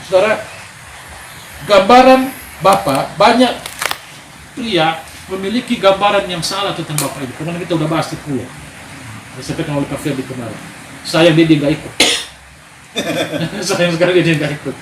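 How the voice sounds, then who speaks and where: A man's voice: a little high, moderate pace, pauses often. A man preaching a sermon, telling stories with energy and calling for amens. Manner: animated storytelling, calls for amen. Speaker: preacher at a men's gathering. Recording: echoey room with background noise.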